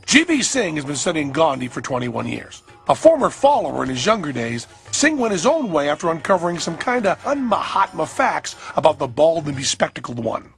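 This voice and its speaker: A man's voice: a little high, very animated, brisk, gravelly, few pauses, soft background music. An American man hosting a comedy documentary, narrating in a sarcastic, profane, mock-outraged way. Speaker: host.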